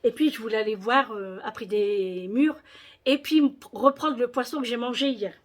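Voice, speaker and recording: A woman's voice: on the high side, normal speed. A woman vlogger chatting casually about her shopping haul, with many hesitations and repeated words.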